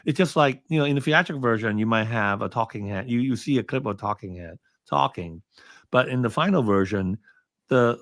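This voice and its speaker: A man's voice: medium pitch, expressive, brisk, fairly bright tone, no echo. A man from Hong Kong, a guest in an interview, telling a story casually with lots of fillers and restarts. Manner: rambling with many fillers and restarts. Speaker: interview guest, film commentator.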